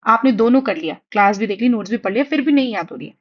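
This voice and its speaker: Young woman, exam prep teacher, high-ish voice, chatty, reassuring, slightly dull recording. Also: lively intonation, racing. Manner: chatty, reassuring, asks "theek hai?" often. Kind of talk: online lecture in Hindi-English mix. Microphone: writing on a tablet while teaching.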